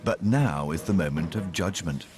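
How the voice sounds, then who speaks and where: A man's voice: low-pitched, normal speed. A man giving dry, wry scripted narration for a reality show. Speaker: documentary narrator. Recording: narration over music.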